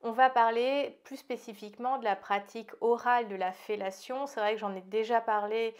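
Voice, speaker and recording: A woman's voice: on the high side, steady tone, moderate pace. A woman with a slight lisp on her s sounds from dental aligners, giving informal, direct advice to viewers as a channel host. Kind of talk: informal advice talk to camera.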